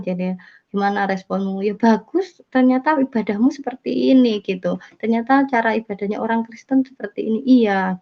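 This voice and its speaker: A woman casually telling her conversion testimony, rambling with many fillers and self-corrections. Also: on the high side. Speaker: testimony speaker. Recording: dull lo-fi sound.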